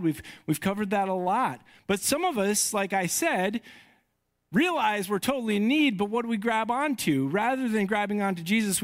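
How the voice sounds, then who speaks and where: A male pastor in his thirties preaches in an unhurried, measured way from a church stage. His voice sits a little high for a man, and he keeps the sermon conversational, growing animated when he tells stories. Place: church sanctuary. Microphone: handheld or headset mic.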